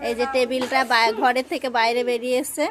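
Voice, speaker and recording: A woman's voice: a little high, level tone, fast talker, a crowd in the background. A woman narrating a casual family vlog at home, cooing baby talk to her small children between plain commentary. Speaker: family vlogger and mother.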